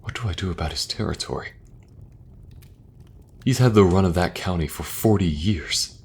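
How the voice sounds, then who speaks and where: A man playing an earnest young king who speaks in a halting, soft-spoken way. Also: sits low, vocal fry, a little hiss or hum. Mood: troubled. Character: earnest young king, burdened but kind. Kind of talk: fantasy audio roleplay.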